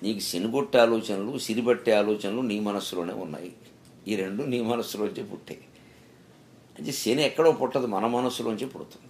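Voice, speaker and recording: Brief: middle-aged man, spiritual discourse, animated storytelling with rhetorical questions. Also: lowish voice, fairly quick, a little hiss or hum. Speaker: spiritual speaker.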